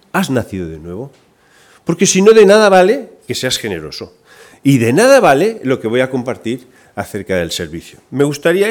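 A man with a Spain Spanish accent preaching a sermon, telling a story and acting out its voices with energy. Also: mid-range voice. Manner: lively, acts out the voices in his story.

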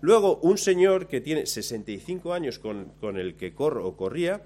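A man telling a lively, self-mocking story about himself, acting out his own lines along the way. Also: a little high, moderate pace. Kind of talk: anecdote told to listeners.

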